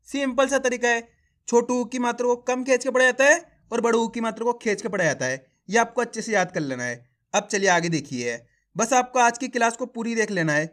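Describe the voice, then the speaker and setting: A man's voice: very high-pitched, fairly bright tone. A man teaching a beginner reading lesson, calling viewers his friends and drilling syllables over and over.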